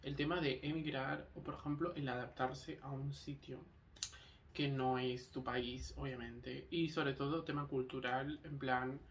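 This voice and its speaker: A man's voice: medium pitch, little pitch movement, unhurried, distant mic, slight background noise. Rambling young Argentine man, a bit off-mic. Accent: Argentine Spanish with Canarian touches. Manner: rambling, many fillers and restarts. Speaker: vlogger. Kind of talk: casual monologue to camera.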